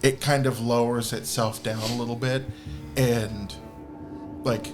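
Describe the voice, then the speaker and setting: A man's voice: mid-range voice, flat delivery, a little slow. A man narrating as game master of a tabletop game, rambling and restarting, full of "like". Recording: background music.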